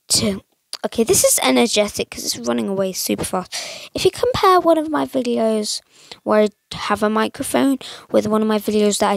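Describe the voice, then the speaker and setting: A young gaming channel host chats and rambles through casual gameplay commentary, filling gaps with likes and ums. Her slightly croaky, gravelly voice is on the high side and slow, unhurried, recorded dry and close with no echo or room sound.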